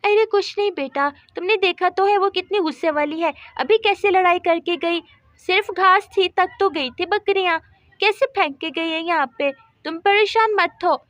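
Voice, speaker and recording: A woman performs a gentle, patient mother in a doll story, soothing in a very high, soft-spoken voice. The sound is dry and close-miked. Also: no room sound, muffled recording.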